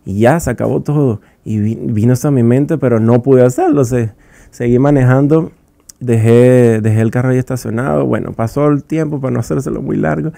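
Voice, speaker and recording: Brief: young man, radio guest sharing his testimony, low gravelly tone, dry studio sound, heartfelt with halting restarts. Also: mellow, no echo. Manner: earnest and emotional, with halting restarts.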